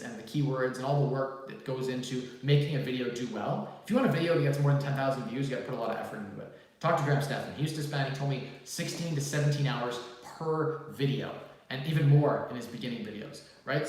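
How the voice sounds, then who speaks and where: Talking fast and hurriedly, this twentysomething live-stream host fills his answers to viewer questions with fillers in a casual Q&A. His voice is mid-range, and because the phone mic sits roughly six feet off in a big, empty new home office, he sounds distant and echoey.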